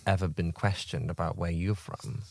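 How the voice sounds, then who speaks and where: A man with a low-pitched voice talks through his thoughts in a casual podcast chat. He speaks reflectively and often pauses mid-phrase to find his words. The recording is dry and close, with no room echo. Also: steady tone, gravelly.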